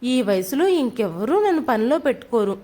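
A woman's voice: fairly high pitch, big pitch swings, normal speed, darkish tone. A woman reading as a timid, pleading old man. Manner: humble, apologetic pleading. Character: poor elderly man, timid and pleading worker.

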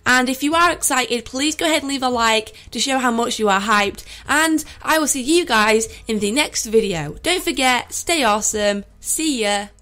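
A woman with a stuffy nose from a cold, sounding out of breath as she gives excited gaming news to her viewers. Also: a little high, normal speed, hardly any pauses. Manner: excited, hyped-up chatter to viewers. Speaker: gaming YouTuber.

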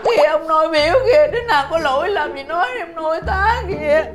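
A fussy wife in a family sitcom, pleading and emotional. Her voice is high-pitched, with loud music playing under it. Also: expressive, quick pace. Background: sitcom background music.

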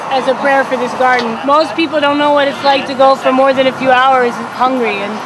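A woman activist speaking with quiet determination. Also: high voice, steady tone, a little fast, very noisy. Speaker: tree-sit activist.

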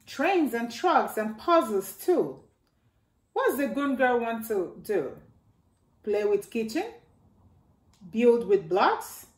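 In an echoey indoor living room next to a staircase, a middle-aged storytime reader works through a children's picture book. Her delivery is slow and expressive, with her voice springing high on exclamations and for a toy character.

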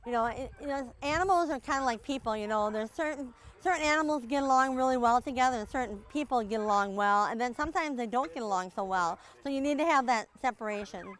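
A woman's voice: on the high side, quick pace, hardly any pauses, fairly bright tone. A middle-aged woman farmer from Minnesota, chatting easily while giving an outdoor farm tour, with lots of "you know" fillers. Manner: easygoing, folksy, many "you know" fillers. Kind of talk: casual farm tour interview.

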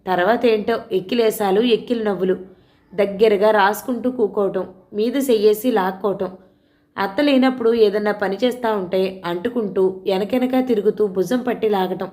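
A teenage village girl, frightened yet defiant, pleads earnestly as she recounts her ordeal, voiced by a woman storyteller. The audio storybook reading stays at an ordinary, middle pitch. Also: moderate pace, a little mellow, close to an everyday voice.

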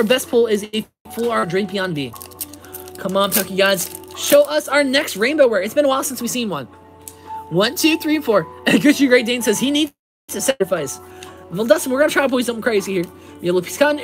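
A woman in her twenties streaming live, upbeat, reading out card names and answering chat as she opens packs. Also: fairly high pitch. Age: 20s. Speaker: card-opening livestreamer. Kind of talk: live card-pack opening. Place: indoors at a table with a playmat.

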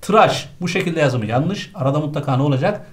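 A man's voice: a little high, animated, brisk. A man teaching a spelling lesson for exam prep, quizzing a colleague and repeating each correct answer.

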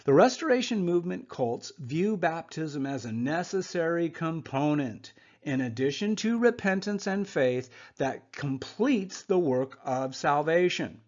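A man's voice: on the high side, animated, unhurried, a little mellow. Conversational man teaching over slides, muffled audio. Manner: conversational, frequent "okay?" asides. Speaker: Bible teacher. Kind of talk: slide-based Bible lesson. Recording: muffled lo-fi voice recording.

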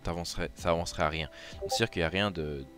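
A man with a very low voice talks through a game tutorial in a casual, rambling way, full of hesitations and restarts. Faint music plays underneath his voice. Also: very fast, fairly bright tone. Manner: chatty and hesitant, many fillers and restarts. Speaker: gaming YouTuber. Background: background music.

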